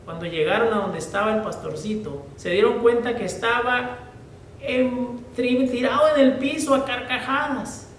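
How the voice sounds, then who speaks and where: A male pastor preaches in an earnest, deliberate way, slowing down to read scripture. His voice sits high for a man and rings around a roomy church hall. The mic is well back, with a faint rumble beneath. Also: fairly bright tone. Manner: earnest, slow and deliberate when reading scripture. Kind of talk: sermon with storytelling. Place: church sanctuary. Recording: echoey church from a distant mic.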